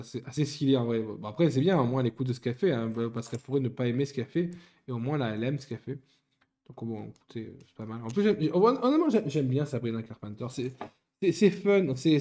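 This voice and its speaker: Casual young male YouTuber with a mellow voice, rambling as he builds. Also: mid-range voice. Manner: rambling, self-correcting, chatty. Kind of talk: casual chat while building.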